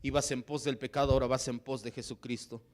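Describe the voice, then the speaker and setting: A man's voice: mid-range voice, little pitch movement, quick pace. A man with a Mexican Spanish accent preaching a sermon as pastor, with impassioned delivery that acts out the voices he quotes.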